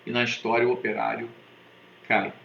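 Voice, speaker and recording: A man's voice: mid-range voice, level tone, normal speed, gravelly, fairly bright tone. Man, Brazilian Portuguese accent, teacher, chatty and jokey, roomy slightly dull recording, faint background hum. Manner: chatty, jokey, checks in often with "né?" and "tá?". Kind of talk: online literature lesson.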